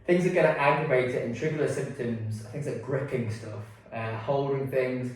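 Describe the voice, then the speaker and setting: A man's voice: medium pitch, moderate pace. A man hosting an informal workshop, his voice slightly muffled as he talks through a face mask. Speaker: workshop host at an osteopathy and physiotherapy clinic. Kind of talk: informal clinic workshop presentation. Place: indoor room at a clinic. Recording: very echoey room, distant mic.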